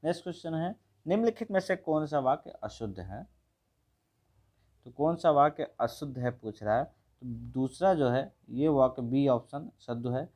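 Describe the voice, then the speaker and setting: A man, teaching a brisk exam revision lesson and going through questions one by one. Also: mid-range voice, lively intonation, darkish tone. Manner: brisk, repeats each word and asks the viewer. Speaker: Hindi teacher.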